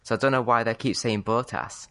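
A British man co-hosting a podcast, chatting in a relaxed way and often hedging what he says. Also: mid-range voice, quick pace. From Britain. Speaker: podcast co-host. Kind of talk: casual chat.

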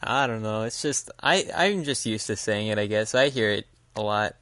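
A man's voice: on the low side, moderate pace, fairly bright tone, no echo. An American man co-hosting a podcast, talking casually and rambling with lots of "like" fillers. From United States. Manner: rambling, filler-heavy, frequent "like". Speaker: podcast co-host. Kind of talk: casual chat.

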